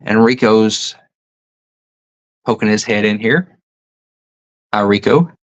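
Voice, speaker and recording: A man's voice: fairly low pitch, takes it slowly, rough recording. A man hosting a casual livestream, reading viewer comments and musing aloud, often stopping to rethink his words. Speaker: livestream host.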